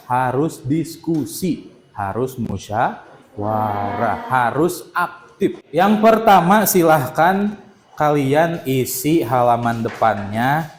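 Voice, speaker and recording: A man's voice: medium pitch, slight background noise. A young man teaching a primary school religion class in a classroom, drilling the pupils with call-and-response. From Indonesia. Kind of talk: classroom lesson. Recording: echoey classroom.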